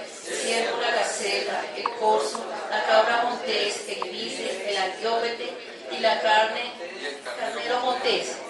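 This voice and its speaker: Fervent woman preaching in echoey church. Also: mid-range voice. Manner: fervent preaching with prayers and scripture reading. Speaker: pastor. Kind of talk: sermon. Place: large echoey church hall. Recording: very echoey church recording from far off.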